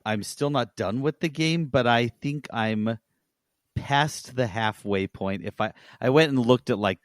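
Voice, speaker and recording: Co-hosting a podcast where he reviews games, a man with a mid-range voice rambles casually through his review and keeps correcting himself. The sound is clean studio quality with no room echo.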